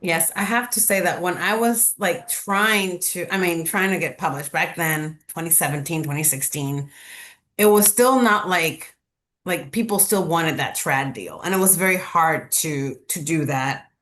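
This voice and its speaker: A woman in her forties from the Dominican Republic, a panelist talking quickly with many fillers. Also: lowish voice, a bit bright. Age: 40s. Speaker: romance author, panelist. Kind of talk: conversational panel talk. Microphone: video call.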